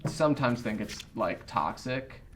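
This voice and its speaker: A man's voice: medium pitch, lively intonation, normal speed, fairly bright tone, a little hiss or hum. A man co-hosting a podcast, rambling in casual chat and swearing freely. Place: podcast studio.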